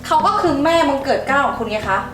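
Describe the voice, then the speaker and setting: A stern company chairwoman with a fairly high voice, firm and reproachful, as a woman acts her out. She sounds a bit distant from the mic in an echoey room. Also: expressive, fast, a bit bright, faint music behind. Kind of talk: online short drama acting.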